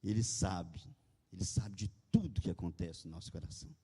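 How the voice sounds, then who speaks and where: A man gives a sermon in a low, mellow voice. He reads scripture, retells it in his own words and calls for amens. His voice rings with the long reverb of a large hall. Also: lively intonation, a little fast, husky. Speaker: preacher. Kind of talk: sermon with guided imagining.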